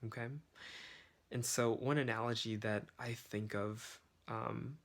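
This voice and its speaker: A man's voice: mid-range voice, level tone, a little slow, gravelly, fairly bright tone. A man giving casual, loosely worded language-learning tips to camera, talking in a conversational way. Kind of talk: casual instructional talk to camera.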